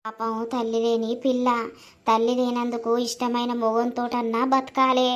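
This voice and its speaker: A woman voicing a blunt older village woman in an animated drama, speaking with a Telangana Telugu accent. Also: on the high side, moderate pace, pitched below the performer's own voice, natural voice. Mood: grumbling.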